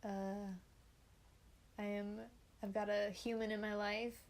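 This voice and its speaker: A woman's voice: mid-range voice, little pitch movement, slow pace. A young woman in her twenties co-hosting a casual podcast, easygoing and supportive, laughing often. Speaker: podcast co-host. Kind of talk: casual chat.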